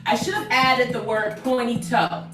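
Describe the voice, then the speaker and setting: A woman's voice: on the high side, level tone, normal speed, a bit bright. A woman aerobics instructor leading an exercise class, encouraging and chatty as she counts and cues each move. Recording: roomy, distant mic, music behind.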